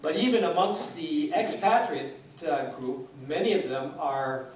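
Somewhat slow and a little mellow, his voice still sits on the high side. He's a man in his sixties who grew up in Taiwan, guest-preaching and telling stories informally, stumbling through fillers and restarts as he gestures. A faraway mic captures the echoey sanctuary plus a slight hiss or hum.

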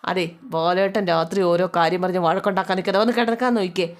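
Woman voicing a sharp-tongued middle-aged wife, blunt, argues back. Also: lowish voice, quick pace, natural voice. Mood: exasperated. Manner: blunt, sharp, pleading then scolding.

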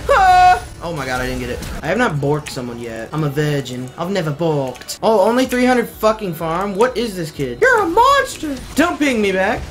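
A male streamer giving live gameplay commentary, excitable and slangy, swearing often and breaking into sudden yelps. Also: a little high, fairly quick, few pauses, music in the background.

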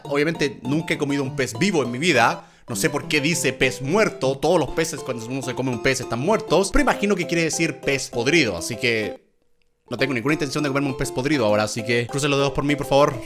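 Young guy doing a vlog, super animated, pitch jumps all over, little music in the back. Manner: animated, exclaims and groans at gross flavors. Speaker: YouTuber. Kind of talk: casual vlog, challenge commentary.

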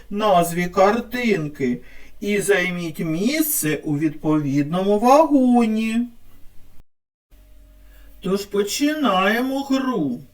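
A woman speech therapist narrating a scripted children's lesson in an expressive teacher's tone. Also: medium pitch, recorded from a distance. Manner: slow, lively, expressive teacher tone.

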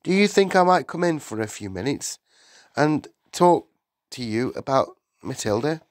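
A man's voice: mid-range voice, big pitch swings, normal speed, no room sound, studio quality, voice pushed up, natural voice. A man voicing a slim young woman schoolteacher in a storybook, polite and earnest but firm.

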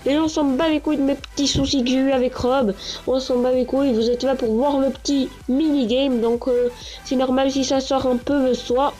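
Lying in a small, echoey bedroom with a cold that's stuffed up her nose, a woman who runs a gaming channel talks casually and ramblingly over game music. Her voice sits high and dark with fairly even intonation at a moderate pace, and she keeps using fillers and restarting. The mic is a handheld console camera.

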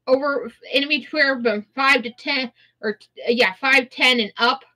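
A woman's voice: high-pitched, a little slow, sharp tone. A woman co-hosting a casual chat with sassy, jokey, mock-attitude banter. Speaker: co-host.

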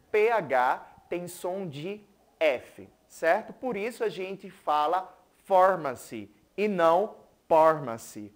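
A teacher with a Brazilian Portuguese accent gives a televised school lesson, patiently checking in with the class and having viewers repeat words. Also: medium pitch. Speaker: English teacher.

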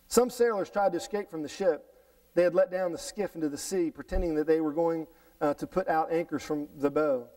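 A middle-aged man preaching a sermon in a church, reading scripture aloud and explaining it with lively restarts and repeated words. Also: sits high, far from the mic, poor audio. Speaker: pastor. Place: church sanctuary stage, indoors. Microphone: headset mic.

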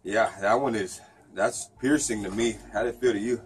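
A man's voice: on the low side, normal speed, slight background noise. A middle-aged man chatting casually to camera while his mouth and throat burn from spicy food. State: mouth and throat burning from hot pepper. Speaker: pepper challenge host. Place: outdoors in a front yard. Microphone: camera a few feet away.

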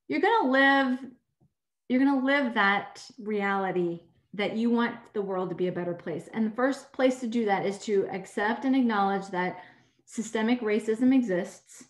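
A woman who is a clinical instructor and surgeon, talking casually and warmly to medical students on a video call, rambling and correcting herself as she goes. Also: on the high side, moderate pace. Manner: warm, rambling, self-correcting. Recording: echoey room on a video call.

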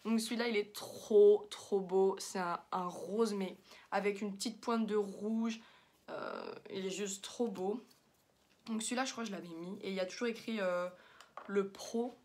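A woman's voice: medium pitch, fairly even intonation, measured pace, darkish tone. A young woman chatting casually through a makeup haul, with many fillers and slang words. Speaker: beauty vlogger.

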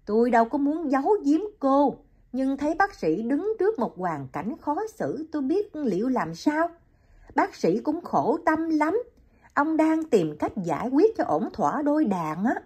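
A woman voicing a worried young clinic assistant in an audiobook, asking soft, cautious questions. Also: high voice, very animated, unhurried, voice pushed up. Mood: concerned.

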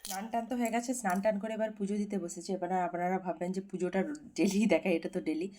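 A woman hosts a casual daily vlog from her home kitchen. She keeps up a friendly running chatter as she works, at a mid pitch. Faint household noise sits behind her. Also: fairly even intonation, racing, warm tone. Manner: chatty, talks viewers through her chores. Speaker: daily-life vlogger. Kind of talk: casual vlog narration to viewers.

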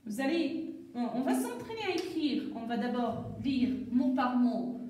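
A woman teacher giving a recorded reading and writing lesson to young children, slowly sounding out words syllable by syllable. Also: on the high side, big pitch swings, darkish tone, a little hiss or hum. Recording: distant mic in a very echoey room.

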